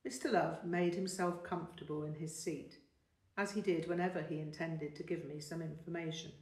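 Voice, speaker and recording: A woman's voice: low voice, fairly even intonation, moderate pace, darkish tone. A woman reading a first-person story aloud, reflective and wistful in tone. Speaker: audiobook narrator. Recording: roomy, distant mic.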